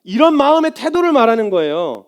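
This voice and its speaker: A man's voice: very high voice, sing-song, fairly quick. A man preaching as a missionary, in a conversational style that often slips into acting out inner thoughts. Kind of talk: sermon.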